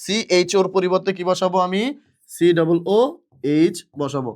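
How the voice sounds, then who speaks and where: High-voiced man teaching chemistry. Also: moderate pace. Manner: asks questions and answers them himself, repeats key words. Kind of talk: classroom lecture.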